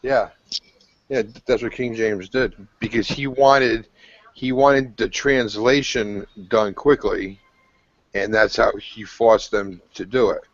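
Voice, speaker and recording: A man's voice: lowish voice, fairly even intonation, slow pace, no echo. A man with a Rhode Island accent in casual chat, speaking hesitantly with many ums. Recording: dull, lo-fi voice chat.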